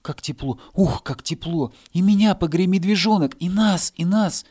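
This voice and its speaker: A man voicing a chorus of tiny shivering grass blades that plead in high, loud, eager calls, with a husky edge. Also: measured pace, lightly acted.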